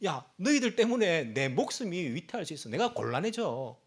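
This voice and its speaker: A preacher doing a fretful royal chief eunuch. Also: male voice, sits high, sing-song, a little fast, full character voice. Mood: worried. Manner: blunt, fretful talk to captive boys. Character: stern royal chief eunuch, worried man.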